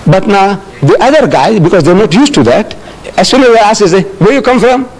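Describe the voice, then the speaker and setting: During the Q&A portion of his lecture, a lively older Islamic lecturer from South Africa takes audience questions in a brisk, high voice. He's animated, spinning stories with acted-out dialogue, and the recording is of low quality.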